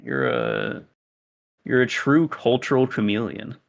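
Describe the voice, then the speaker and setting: A man joking around in a gaming voice chat, self-mocking and quick to laugh. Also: medium pitch, creaky, no echo. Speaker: gamer in group voice chat. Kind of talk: casual gaming banter.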